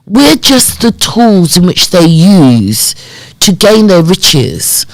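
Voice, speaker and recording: A woman's voice: on the low side, slow pace, no echo, rough recording. A woman, a podcast guest telling her life story and acting out remembered conversations. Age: 50s. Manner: animated storyteller who acts out remembered dialogue. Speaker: podcast guest, community development worker. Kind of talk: personal storytelling in a podcast interview.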